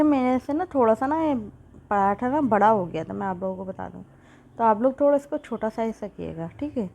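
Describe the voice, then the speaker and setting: A woman with a mellow, darker voice talks through a cooking lesson in her home kitchen, recorded on a phone. Her throat is sore. She keeps up a chatty tone, often checking in with "theek hai.". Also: fairly high pitch, vocal fry. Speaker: cooking channel host. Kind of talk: casual cooking tutorial.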